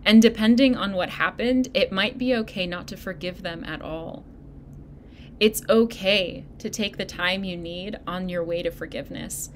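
A woman pastor giving a sermon, speaking in a gentle, encouraging way straight to her listeners. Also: mid-range voice, moderate pace, slight background noise. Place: church video recording.

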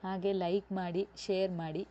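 A woman storyteller reading a serialized novel aloud in a steady, measured way, on a dull lo-fi recording. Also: mid-range voice, slight background noise.

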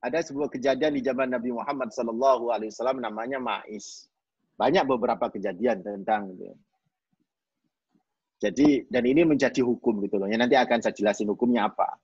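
Husky East Javanese man teaching hadith. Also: medium pitch, brisk, a little mellow, dry recording. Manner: conversational, repeats key phrases, often addresses listeners as "Pak". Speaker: religious teacher. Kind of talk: hadith study lecture. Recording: dull lo-fi recording.

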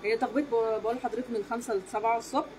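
On a street outdoors against a brick wall, a woman in her thirties with an Egyptian accent gives a matter-of-fact eyewitness account as a neighbour in a street interview. Her voice is on the high side and darkish with a breathy edge, rapid-fire, with fairly even intonation. Other voices can be heard around her in the outdoor recording.

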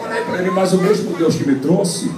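A man from Brazil preaching a Pentecostal sermon, telling a story that swings from hushed tones to shouted preaching. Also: high-pitched, brisk, over a noisy crowd. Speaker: pastor. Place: church sanctuary with congregation. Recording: echoey church hall from far off, noisy.

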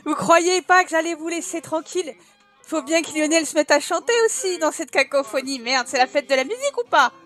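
A woman hosting a casual let's-play, chatty and expressive, full of exclamations and filler words. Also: high-pitched, brisk, faint music behind. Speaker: gaming channel host.

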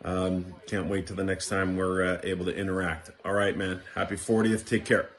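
A man's voice: sits low, little pitch movement, normal speed. A man giving a laid-back, complimentary birthday greeting. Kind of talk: casual recorded birthday greeting.

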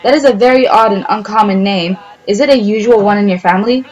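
A woman's voice: fast, natural voice, rough recording. A woman voicing an anxious, suspicious little female mouse in a storybook reading. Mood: alarmed. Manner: high exclamations, anxious questioning.

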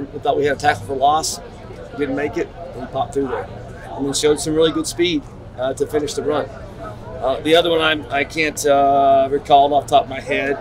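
Middle-aged man, coach at a postgame presser, slightly high voice, stop-start answers, crowd chatter in a stadium corridor. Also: low-quality recording. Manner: halting, repeats words and restarts sentences. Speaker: head football coach. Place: concrete-walled stadium corridor. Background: crowd noise.

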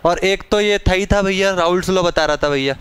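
Teasing his students in a relaxed way, a young man gives a live chemistry lecture in a classroom and lingers over the stressed key terms. The recording is dry, and his high voice has a clean, fairly bright tone.

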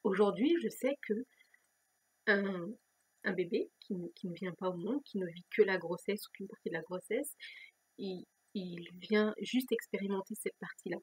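Husky-voiced woman telling a personal story. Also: mid-range voice, moderate pace. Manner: chatty and self-mocking, with frequent laughs and soft whispered asides; restless, repeating questions and restarting phrases. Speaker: vlogger. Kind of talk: casual personal storytelling to camera.

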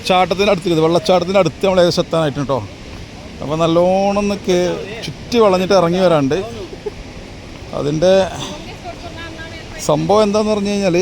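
A man, dropping English words into his speech. It is recorded on a walk outdoors, with clear noise behind him. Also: high-pitched, darkish tone. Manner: mixes English words into Malayalam. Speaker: vlogger. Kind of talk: casual travel vlog narration. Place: outdoors on a forest walking trail. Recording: noisy outdoor walking recording.

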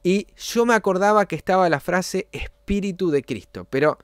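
Man explaining software step by step. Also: sits high, lively intonation, clear, resonant tone, no echo, studio quality. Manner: explanatory, often checks in with a quick "¿sí?". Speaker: channel host giving a software tutorial. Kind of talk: casual screen-recorded tutorial.

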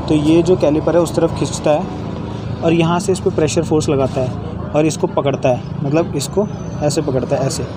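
A young man in his twenties hosting a casual vlog, walking viewers through car parts step by step with some hesitation. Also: fairly high pitch. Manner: hesitant, pointing things out step by step. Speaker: channel host explaining car mechanics. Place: outdoor garage workshop. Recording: street and vehicle noise behind.

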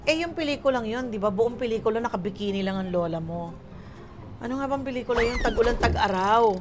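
A woman's voice: fairly high pitch, fast talker, noisy background. A woman from the Philippines, a guest actress, telling stories in casual chat and acting out what people said. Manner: animated, acts out quoted lines, mixes Tagalog and English.

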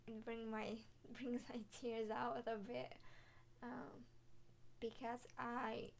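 A young woman giving a soft, emotional reaction commentary over a song, trailing off with many fillers. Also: on the high side, creaky, slight background noise. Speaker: reaction video host. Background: song playing faintly.

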